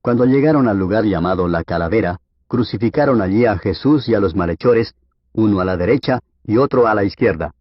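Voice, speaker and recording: A man reading scripture aloud for an audiobook in a steady, measured way. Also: lowish voice, dry recording. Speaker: Bible reader. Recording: dull, lo-fi dry recording.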